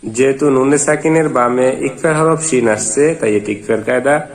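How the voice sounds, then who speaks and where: A man teaching Quran reading. He spells out letters and vowel marks one by one, then chants each verse slowly. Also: medium pitch. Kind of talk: step-by-step recitation lesson.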